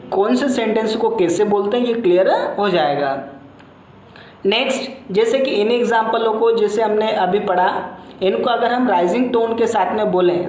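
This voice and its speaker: A woman teacher explaining a lesson step by step and slowly repeating example sentences. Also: medium pitch, darkish tone, slight background noise. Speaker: English teacher. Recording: echoey room.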